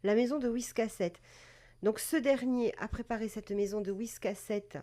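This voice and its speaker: A woman's voice: a little high, normal speed, dark tone. A woman hosting a casual live stream, chatty, with many fillers and self-corrections, greeting viewers as she talks. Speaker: live streamer presenting cat breed history.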